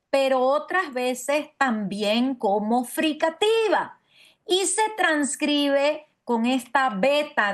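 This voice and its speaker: A woman teacher giving an online phonetics lecture. She slowly sounds out syllables over and over and keeps checking that students follow. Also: high voice. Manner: demonstrative, repeats syllables and checks understanding often.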